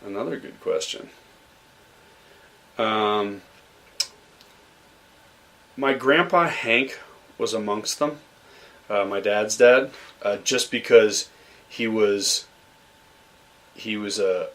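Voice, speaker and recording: Speaking slowly with long pauses, a young podcast guest from Massachusetts recounts his childhood in loose, rambling, relaxed storytelling packed with fillers and restarts. His voice is fairly low in pitch and fairly bright in tone.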